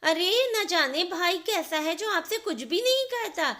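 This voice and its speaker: A woman voicing a quarrelsome young married sister-in-law who scolds loudly in a shrill voice. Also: animated, measured pace, full character voice. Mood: scolding.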